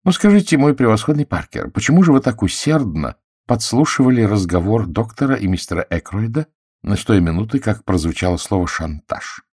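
A man's voice: fairly low pitch, very animated, brisk, slightly rough, no echo, clean studio sound, pitched above the performer's own voice. Poirot, voiced by a man as a suave detective. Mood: probing. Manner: gently probing, courteous and self-assured. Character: suave, shrewd male detective, middle-aged. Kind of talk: audiobook character voice.

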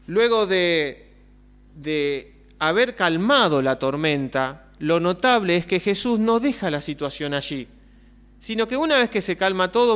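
A man with a Rioplatense accent preaching a sermon as pastor, measured and full of rhetorical questions. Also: high-pitched, fairly bright tone. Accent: Rioplatense Spanish.

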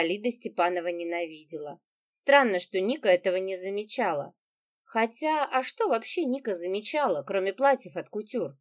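Woman, audiobook narrator, mid-pitched voice, expressive dialogue reading. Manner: reads dialogue with lively shifts in pitch.

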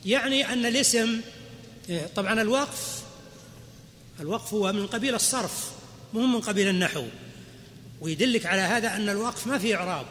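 Male sheikh, high bright voice, patient grammar lecture, quizzes class, reverberant hall. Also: fast, long pauses. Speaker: sheikh teaching Arabic grammar. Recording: hall reverb, faint noise.

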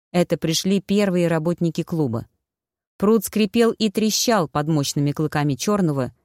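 An audiobook narrator reading a fantasy story in a steady, even storytelling manner. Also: medium pitch, no echo, clean studio sound. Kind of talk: scripted narration.

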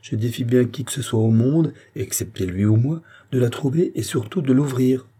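A man's voice: mid-range voice, normal speed, warm tone, husky, pitched above the performer's own voice. A man voicing a sick, bitter old male locksmith who grumbles with resentment. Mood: resentful.

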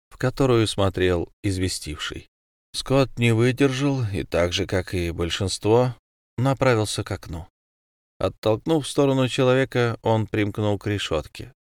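A man narrating an audiobook in a steady, measured way. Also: fairly low pitch, smooth, dry recording, studio quality. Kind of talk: scripted narration.

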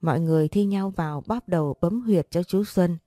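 A woman narrating a sad family story in the first person, reading softly with emotion. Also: fairly low pitch, brisk, no echo, faint music behind.

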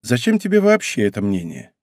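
A man voicing a calm, blunt young woman speaking in a measured, thoughtful way. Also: lowish voice, no room sound, studio quality.

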